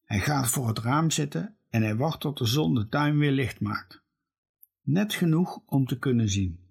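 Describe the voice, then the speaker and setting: A man reading a children's storybook aloud in a slow, even way. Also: mid-range voice, gravelly, slightly rough. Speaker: narrator.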